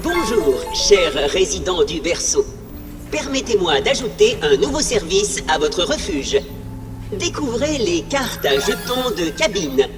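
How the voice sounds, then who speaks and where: Cheery robot helper from a game, super polite salesy, slow n swoopy, music behind. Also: female voice, lowish voice, big pitch swings. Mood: cheerful, promotional. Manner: over-courteous, theatrical announcer-like salesmanship. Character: cheerful, servile robot concierge companion of a refuge. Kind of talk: scripted game character dialogue. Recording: game music behind, some long reverb.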